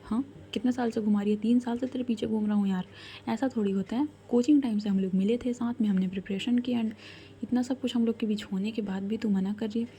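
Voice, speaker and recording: A brash young man teases and presses his case, as a woman storyteller puts him on. He sounds pushy and self-assured. The voice stays mellow. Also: fairly high pitch, fairly even intonation, fast talker, lightly acted. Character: cocky young male officer, persistent suitor.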